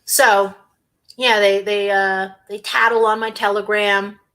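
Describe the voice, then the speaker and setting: A woman's voice: mid-range voice, level tone, slow, bright, forceful tone. A woman hosting a casual livestream, talking in a sarcastic, scornful way and eating a sandwich between remarks. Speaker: host.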